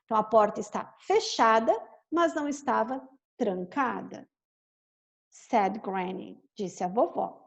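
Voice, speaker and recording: English teacher lady, high voice, slow and patient, goes over each phrase again and again. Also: creaky. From Brazil. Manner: patient, explanatory, repeats phrases. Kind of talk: bilingual story-reading lesson.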